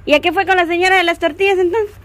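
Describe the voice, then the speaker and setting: High-voiced woman vlogger, teasing. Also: fairly even intonation, rapid-fire, a bit bright. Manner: teasing, laughing, coaxing. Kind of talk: casual chat.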